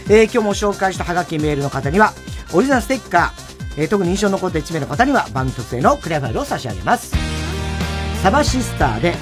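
A man co-hosting a radio show reads the opening and weather in a brisk announcer's manner. He speaks very quickly in a high voice that rises and falls a lot, with theme music playing clearly under him in the studio. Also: sing-song.

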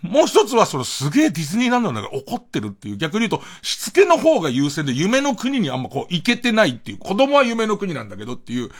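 A man's voice: high voice, wildly swooping pitch, very fast, hardly any pauses, slightly rough. A middle-aged man hosting a late-night radio monologue, rambling in a self-mocking way with chuckling asides, on a close studio mic. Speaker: radio host.

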